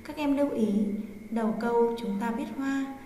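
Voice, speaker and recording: A woman schoolteacher with a slightly high voice is dictating for writing practice. She goes slowly, phrase by phrase, and repeats herself. The recording is very echoey, with faint noise behind her. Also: dark tone. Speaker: primary school teacher. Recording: echoey, reverberant room with background noise.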